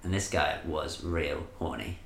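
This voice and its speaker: Deep-voiced young man, dry delivery. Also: fairly even intonation, unhurried, creaky, echoey room, slight background noise. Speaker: podcast co-host. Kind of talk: casual storytelling chat.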